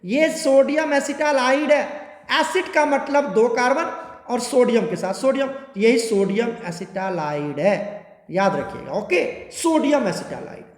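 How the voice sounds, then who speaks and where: A man's voice: very high voice, expressive. A male chemistry teacher giving a classroom lecture, repeatedly quizzing his students and drawing out key words. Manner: questioning students constantly, repetitive, drawn-out spelling. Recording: echoey room with long reverb.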